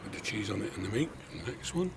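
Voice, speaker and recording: Gravelly New barbecue host outdoors. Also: male voice, lowish voice, fast. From New Zealand. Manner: relaxed, chatty, talks to viewers. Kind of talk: casual cooking demonstration. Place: backyard outdoors. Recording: outdoor noise with passing vehicles.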